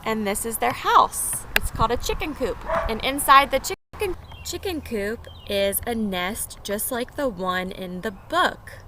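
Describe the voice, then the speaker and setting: Reading a storybook to small children, a woman teacher talks with them in simple phrases and questions. Her voice is fairly high and sharp, with lively intonation and a measured pace, and background noise can be clearly heard.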